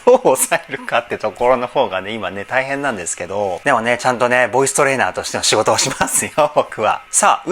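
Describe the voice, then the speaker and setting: A man working as a vocal trainer, breaking down a singer's voice in a chatty, excited way and peppering his sentences with little verbal tags. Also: mid-range voice. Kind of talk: casual reaction and vocal analysis.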